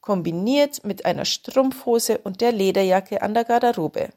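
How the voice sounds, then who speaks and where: A woman's voice: medium pitch, moderate pace, warm tone, lightly acted. A woman voicing a confident talking summer dress. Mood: self-assured. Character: a chatty summer dress in a wardrobe, sure of itself. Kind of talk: storybook reading.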